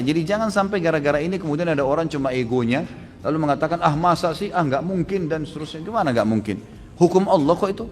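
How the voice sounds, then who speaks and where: Fast-talking preacher in a reverberant hall. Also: male voice, on the high side. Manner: animated, emphatic, rising sharply to stress rulings. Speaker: preacher answering audience questions. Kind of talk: religious Q&A lecture.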